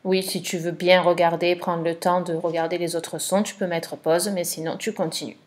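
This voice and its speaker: A woman's voice: fairly low pitch, flat delivery, moderate pace. A woman teacher giving a patient dictation lesson for a child, spelling letters and syllables one by one.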